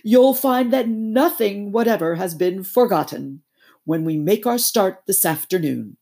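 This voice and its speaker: A woman voicing a boastful, excitable male toad who gushes and wheedles in a storybook reading. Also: mid-range voice, a little slow, voice pushed up. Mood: proud. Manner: gushing, exclamatory, wheedling.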